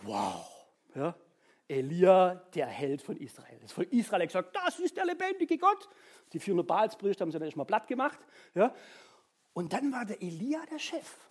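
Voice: medium pitch, normal speed, breathy edge. A preacher retells a Bible story in a chatty sermon and keeps asking "ja?" to check in with listeners. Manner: chatty, tags nearly every sentence with a questioning "ja?"; animated storytelling with sound-effect sighs.

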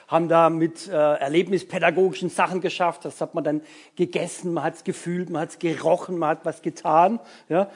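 Chatty youth leader, high voice. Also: male voice, breathy edge. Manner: chatty, many fillers and tag words. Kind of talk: casual sermon to young people.

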